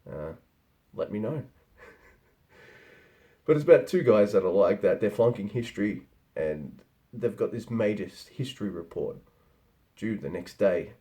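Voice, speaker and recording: A man's voice: lowish voice, lively intonation, measured pace, mellow. A man giving a casual spoken film review, rambling and conversational, with frequent restarts.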